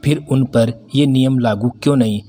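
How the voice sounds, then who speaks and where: A man's voice: mid-range voice, normal speed, dark tone, a little hiss or hum, close to an everyday voice. A man voicing a bold young married daughter who reproaches her mother in a storybook. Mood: reproachful. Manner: reproachful, outspoken.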